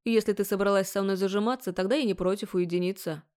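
A woman's voice: medium pitch, steady tone, quick pace, a little mellow, smooth, natural voice. A woman reading an audiobook, voicing a cocky, pushy young man who is bossy and mockingly sweet. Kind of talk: audiobook character voice.

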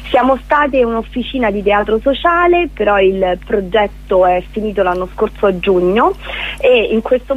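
A woman leading a prison theatre project calls in to a radio show as an interview guest, heard over a narrow, tinny phone line. Her pitch is middling, and she explains earnestly, repeating words for emphasis.

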